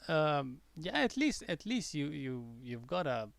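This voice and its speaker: A man's voice: a little high, sing-song, measured pace, vocal fry, no echo. A man with a mixed English accent, partly American and partly British, hosting a casual live day-trading stream. He rambles in a chatty way, with frequent fillers and restarts. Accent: mixed accent, partly American-tinged English learned abroad, softened by years in the UK. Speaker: day-trading livestream host.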